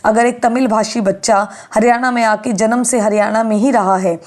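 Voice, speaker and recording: A woman's voice: on the high side, steady tone, moderate pace, darkish tone, poor audio. A woman teaching an exam-prep lecture, explaining step by step and asking and answering her own questions.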